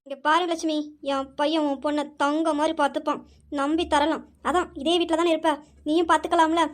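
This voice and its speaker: A woman's voice: sits high, flat delivery, brisk, close to an everyday voice. A woman voicing a domineering old grandmother who hands out commands and looks down on her servant. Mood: imperious. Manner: commanding, dismissive orders. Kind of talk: Tamil audio drama.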